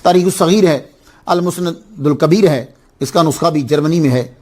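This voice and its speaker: A man giving an animated Islamic sermon, telling a story and repeating phrases with exclamations. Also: a little high. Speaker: religious preacher.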